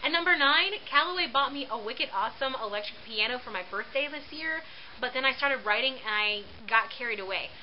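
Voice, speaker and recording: A woman's voice: high voice, fairly quick. Bubbly young woman on lo-fi webcam. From Puerto Rican heritage. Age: 20s. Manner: bubbly, playful and animated. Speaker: vlogger. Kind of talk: casual vlog to camera. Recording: dull lo-fi webcam audio with faint hiss.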